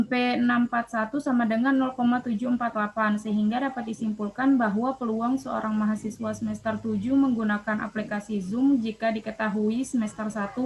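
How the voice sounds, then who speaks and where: A woman's voice: fairly high pitch, darkish tone, rough recording. A young woman, a student presenter, reading worked probability examples aloud, hesitant with fillers and self-corrections.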